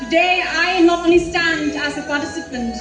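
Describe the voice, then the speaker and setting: A woman's voice: very high voice, moderate pace. A young woman from Nagaland giving a formal, poised pageant introduction. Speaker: pageant contestant. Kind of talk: rehearsed stage introduction. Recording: very echoey hall, distant mic, music behind.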